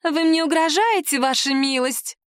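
A woman's voice: high voice, animated, moderate pace, a bit bright, no room sound, clean studio sound, voice pushed up. A woman voicing a snide, haughty young elf-dryad woman in an audiobook, mocking and sneering.

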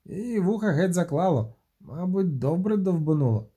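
Brief: blunt young soldier, slangy and jumpy, low husky tone, read by a male narrator. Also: animated, normal speed, warm tone.

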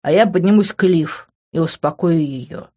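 A woman's voice: low voice, normal speed, warm tone, slightly rough. Woman doing a cocky young guy telling off his parents, slightly muffled recording. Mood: blunt. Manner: blunt, lecturing. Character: young man, cocky, angry son.

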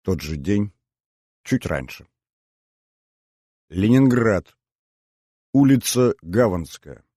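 Male audiobook narrator, deep mellow tone, measured delivery. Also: sing-song, no echo, studio quality.

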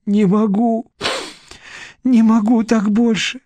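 A man's voice: slow pace, warm tone, no room sound, exaggerated voice. A man doing a tearful pleading young wife. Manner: pleading, breathless, high and tearful.

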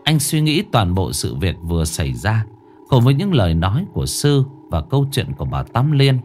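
A man reading a scripted ghost story as narrator, with expressive storytelling. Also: lowish voice, normal speed. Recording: faint music behind.

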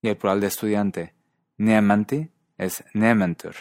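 A man narrating a scripted language lesson in a calm, measured way, carefully pronouncing foreign example words. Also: lowish voice, no room sound, clean studio sound.

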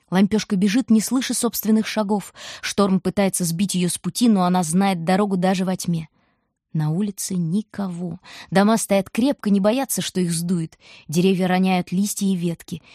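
A woman's voice: medium pitch, dry recording. Woman narrating a storybook, dry sound. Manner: vivid, expressive storytelling. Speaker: audiobook narrator.

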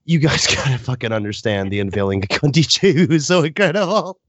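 A man's voice: mid-range voice, fast, a bit bright, dry recording, muffled recording. A man hosting a casual podcast chat, rambling, swearing and laughing often. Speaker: podcast host.

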